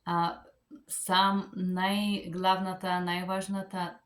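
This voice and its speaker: Slow-speaking woman with a Macedonian accent. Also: on the low side, level tone, a bit bright. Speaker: language teacher. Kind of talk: bilingual vocabulary lesson, term by term.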